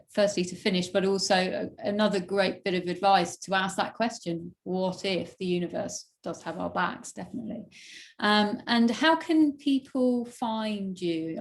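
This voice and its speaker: A woman's voice: medium pitch, moderate pace. Effusive woman hosting an interview. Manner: effusive, praising, rambling. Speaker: podcast host. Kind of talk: warm interview wrap-up.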